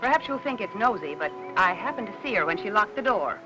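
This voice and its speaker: A woman's voice: medium pitch, big pitch swings, quick pace, music in the background, natural voice, low-quality recording. A woman playing a polite helpful neighbor. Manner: polite, slightly hesitant. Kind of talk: 1950s film acting.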